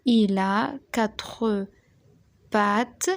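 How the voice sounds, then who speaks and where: A young woman teaching a primary school French lesson, dictating slowly and spelling words out letter by letter. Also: mid-range voice, fairly even intonation.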